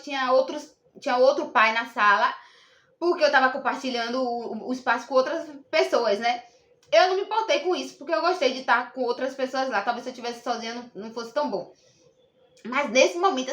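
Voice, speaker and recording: A young Brazilian woman vlogs a personal story to camera in a casual way, sounding indignant and emphatic and repeating herself. She has a Brazilian Portuguese accent and a high, fairly bright voice in a reverberant space.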